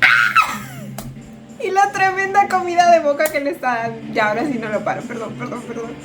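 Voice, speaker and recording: A woman's voice: high voice, fairly even intonation, very slow, over music. A woman reacting to a show on camera, squealing, laughing and exclaiming at the screen. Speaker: reaction video host. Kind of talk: excited reaction commentary.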